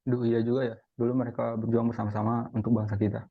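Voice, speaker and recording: A man's voice: mid-range voice, flat delivery, quick pace, lightly acted. A young man playing an easygoing student, chatting casually in slang. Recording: tinny phone-like sound.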